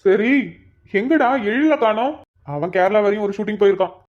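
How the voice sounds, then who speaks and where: A grumbling, joking cartoon friend, voiced by a woman who complains about his troubles and teases his mates. The voice has a middling pitch. The recording sounds dull and lo-fi. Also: expressive, normal speed, lightly acted. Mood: bantering. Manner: complaining, teasing banter.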